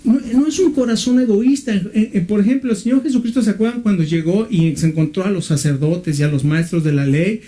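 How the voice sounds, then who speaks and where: Man, middle-aged pastor, sermon, high voice, warm tone, rhetorical questions. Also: fairly quick, hardly any pauses. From Mexico. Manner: asks the listeners questions, uses fillers like "este".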